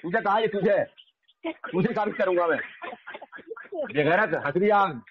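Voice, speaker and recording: A man's voice: high-pitched, measured pace. A man in a heated religious debate, aggressively repeating his demands and hurling insults. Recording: dull lo-fi audio with crowd noise.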